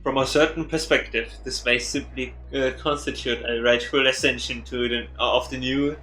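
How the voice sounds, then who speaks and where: A man reading the lines of a grave, aloof older brother, slow and formal with small stumbles. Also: mid-range voice, fairly even intonation, sharp tone, reverberant, soft background music, lightly acted. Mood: solemn.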